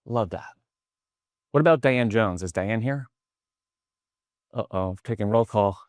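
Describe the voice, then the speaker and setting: A man in his thirties from the New York area, giving a motivational keynote in a large conference hall as an energetic storyteller whose voice rises when he gets excited. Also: fairly low pitch, a little slow, studio quality. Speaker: keynote speaker.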